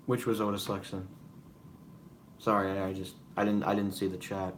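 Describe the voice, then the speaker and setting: Young man, live-stream host, low voice, rambling, lots of ums, faint noise behind. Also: flat delivery, moderate pace. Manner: rambling, many fillers and apologies. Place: room at home with noise behind.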